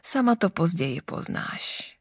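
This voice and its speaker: A woman reading the lines of a frail, aging baroness who speaks softly and wistfully of the past. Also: on the low side, sing-song, slightly rough, no room sound, studio quality, full character voice. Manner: soft, sighing, nostalgic.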